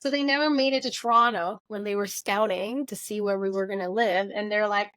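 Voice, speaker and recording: A middle-aged woman from Mexico, telling her story as a guest in a casual interview, animated and playing out the voices she quotes. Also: mid-range voice, a little fast, no echo.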